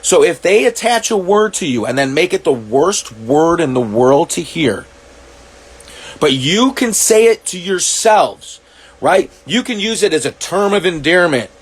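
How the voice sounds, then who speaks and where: A man talking to camera, reacting to clips, swearing often and working out his thoughts aloud with halting restarts. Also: on the high side, sing-song, slightly rough. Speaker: commentary vlogger. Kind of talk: reaction monologue.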